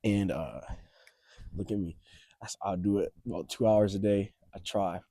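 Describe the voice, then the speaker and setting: A man's voice: low voice, moderate pace, mellow, dry recording, studio quality. A young man chatting casually to camera in a hesitant, reflective way, outdoors in the cold, his voice shaky from shivering. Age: young adult. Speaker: vlogger. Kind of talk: casual, rambling advice chat to camera. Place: outdoors on a cold, windy, snowy beach.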